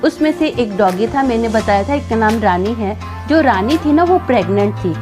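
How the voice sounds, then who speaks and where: A woman's voice: on the high side, animated, moderate pace, music in the background. A woman casually telling a personal family story in a chatty, conversational way. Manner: chatty, conversational, with frequent fillers.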